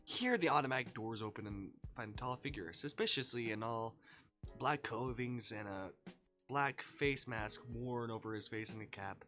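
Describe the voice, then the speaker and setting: Over soft background music, a man reads a fan fiction story aloud in second person on a live stream, breaking off for playful asides. His voice is medium-pitched, bright and forceful, at a moderate pace.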